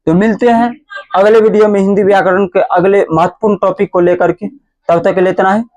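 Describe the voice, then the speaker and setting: A young man teaching a grammar lesson, asking questions and answering them himself, pronouncing each letter slowly and with emphasis. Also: sits high, level tone, darkish tone. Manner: drawn-out, emphatic pronunciation of letters.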